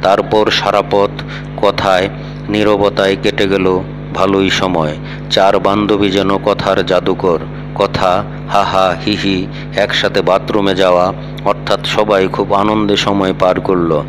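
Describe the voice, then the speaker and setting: A man narrating a first-person story in a measured, unhurried reading voice. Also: deep voice. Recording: steady hum and vehicle noise behind.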